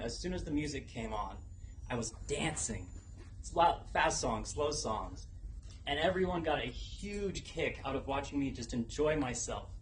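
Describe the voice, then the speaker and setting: A young man delivering a rehearsed personal story as a competition speech, deliberately and dramatically, pausing for effect. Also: a little high, rough recording. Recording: noticeable background noise, live event ambience.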